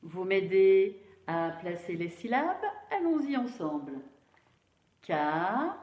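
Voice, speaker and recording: Slow, encouraging woman teaching phonics. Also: mid-range voice, sing-song, dark tone. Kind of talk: phonics lesson for young children. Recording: roomy, dull lo-fi sound.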